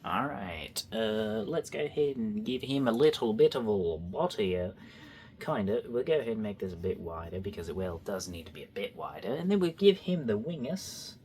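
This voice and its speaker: A man's voice: lowish voice, moderate pace, darkish tone, slight background noise. A young man giving casual, rambling commentary while he draws, joking and poking fun at himself. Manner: rambling, self-mocking and goofy. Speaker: art vlogger.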